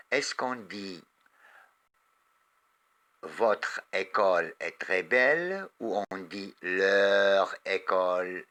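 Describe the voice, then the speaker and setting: Moroccan-accented male teacher, very slow and deliberate, deep voice with a bright edge, reads sentences aloud for pupils. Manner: reads words and sentences aloud slowly, then quizzes pupils. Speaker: French teacher. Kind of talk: slow, deliberate classroom lesson.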